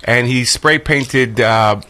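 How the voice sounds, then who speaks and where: Bright-voiced man full of filler sounds. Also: medium pitch. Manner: halting, many filler sounds. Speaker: pizzeria owner guest. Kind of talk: casual interview chat.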